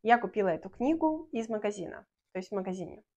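A young Belarusian woman teaches a language lesson to camera in a small room. She speaks clearly and patiently, slowing down to model example sentences. Her mid-range voice is animated, with a dark tone.

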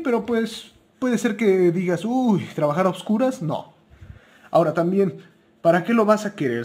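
This man speaks with a Mexican Spanish accent, his voice sitting high with a somewhat dark tone. He gives shopping tips off the cuff, informal and chatty, catching and fixing his own slips.

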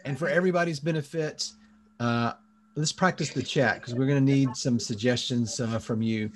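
A man hosting a live online comedy show, speaking in a relaxed way with many fillers, over a video call. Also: mid-range voice, normal speed, a little hiss or hum. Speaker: host.

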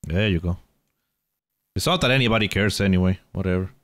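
A man's voice: deep voice, brisk. A man talking casually on a live stream, exasperated and swearing while he wrestles with screen settings. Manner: exasperated, swears, grumbles about tech trouble. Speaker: game streamer.

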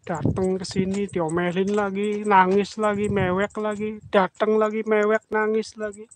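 A man's voice: high voice, little pitch movement, a little slow, slight background noise. A man hosting a live stream, scolding a commenter in a teasing, repetitive way.

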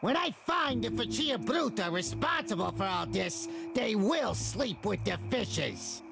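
A gravelly mobster barber. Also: male voice, high-pitched, sing-song, a little slow, heavily acted. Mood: menacing. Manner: menacing, threatening. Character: menacing male mobster barber, proud and threatening. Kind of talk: video game voice acting. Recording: game music behind.

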